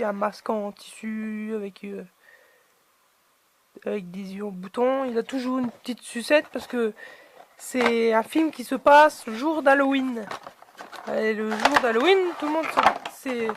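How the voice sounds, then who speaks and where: A woman's voice: on the high side, a little hiss or hum. A woman chatting casually as she unboxes collectible figurines, hesitant and full of fillers.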